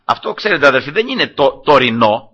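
A man's voice: mid-range voice, big pitch swings, pushed and bright, slightly rough, lo-fi sound. A male preacher delivering a sermon, retelling a scripture story with acted quotes and repeatedly addressing his listeners as brothers.

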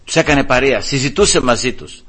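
A male preacher delivering a sermon, emphatic and repeatedly addressing his listeners as brothers, with a husky voice. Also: medium pitch, expressive, fairly bright tone.

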